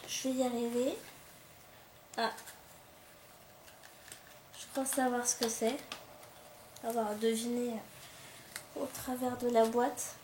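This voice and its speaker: A chatty woman with a slightly high voice talks casually through an unboxing, full of fillers and happy outbursts. She is recorded on a camcorder in an echoey room with a faint hiss behind her. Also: slow pace, long pauses. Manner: chatty, many fillers and restarts, excited exclamations. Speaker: book vlogger.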